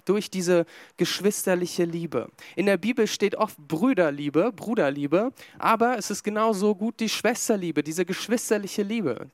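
High-voiced man preaching a sermon. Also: no room sound, clean studio sound. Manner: conversational, with fillers and humorous asides to the congregation. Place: small church congregation.

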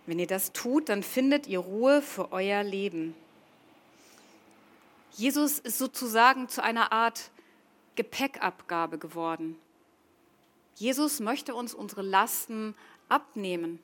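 A woman's voice: medium pitch, animated, slow, pauses often, fairly bright tone. A woman giving a devotional sermon, reading scripture aloud and then reflecting on it earnestly. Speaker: preacher.

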